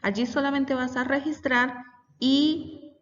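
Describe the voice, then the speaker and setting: A woman teacher with a high voice patiently explains a children's lesson, reading example sentences aloud. Her intonation stays fairly even and she takes it slowly. The classroom recording is dull, with long reverb, and she sits far from the mic.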